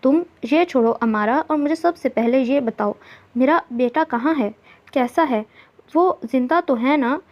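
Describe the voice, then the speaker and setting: A desperate, pleading mother, as a woman narrator puts her on in a storybook reading. The voice runs fairly high, the audio dull and lo-fi. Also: unhurried. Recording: dull lo-fi recording.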